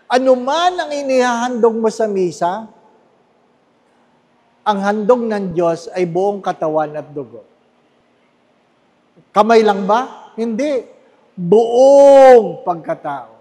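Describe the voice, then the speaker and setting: A Filipino priest giving a homily in a chatty, emphatic style, asking the congregation little questions and repeating his key phrases. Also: high voice. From Philippines. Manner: conversational preaching with tag questions to the congregation. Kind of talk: sermon. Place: large church with long reverb. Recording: echoey church hall.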